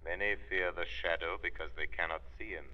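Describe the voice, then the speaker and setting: An actor playing an unseen, mysterious avenger, speaking gravely and theatrically with a filtered voice in an old radio drama. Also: male voice, low voice, fairly even intonation, a little fast, pushed and bright. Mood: grave, ominous. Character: the Shadow, unseen mysterious male avenger, ominous, commanding. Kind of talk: 1940s radio acting. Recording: narrow, tinny vintage radio recording.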